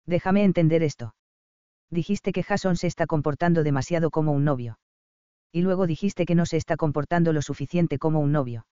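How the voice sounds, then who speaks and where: A man's voice: a little high, brisk, warm tone, clean tone, dry recording, natural voice. A man reading a teasing, blunt sister. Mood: puzzled. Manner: teasing, matter-of-fact. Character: teasing, blunt adult woman, the heroine's sister. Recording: slightly dull, dry studio recording.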